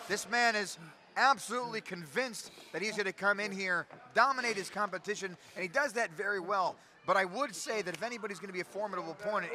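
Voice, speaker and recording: High-pitched excited male wrestling announcer. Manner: excited, dramatic match-calling. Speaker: pro wrestling play-by-play announcer. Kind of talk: live wrestling commentary. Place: live wrestling show. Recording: loud noisy live event venue.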